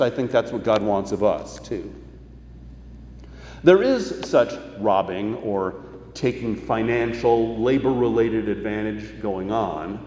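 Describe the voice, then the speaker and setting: A pastor reads and explains scripture in a sermon to his congregation, his medium-pitched voice a little mellow. He preaches in a large, reverberant indoor worship space. The recording is echoey and muffled, with faint noise.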